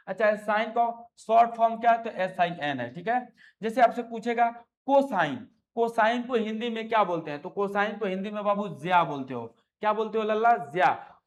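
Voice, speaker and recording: A male maths teacher explaining a lesson, coaxing his students with affectionate call-and-response questions and repeated check-ins. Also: high-pitched. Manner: affectionate, repeats "है ना" and "ठीक है बाबू". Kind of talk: classroom explanation.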